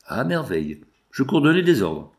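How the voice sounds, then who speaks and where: Un homme lisant à voix haute et prêtant sa voix à une jeune femme douce et émue. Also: male voice, mid-range voice, sing-song, moderate pace, vocal fry, pitched above the performer's own voice. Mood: ému.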